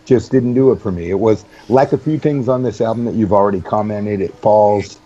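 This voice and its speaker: Low-voiced man, dull lo-fi sound. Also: brisk, dark tone. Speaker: podcast co-host. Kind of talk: casual chat. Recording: dull lo-fi audio.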